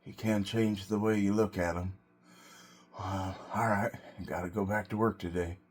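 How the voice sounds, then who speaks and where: A man talking casually and reflectively in a solo vlog, in short, halting phrases. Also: low-pitched, steady tone, a little hiss or hum. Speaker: vlogger and self-employed car restorer.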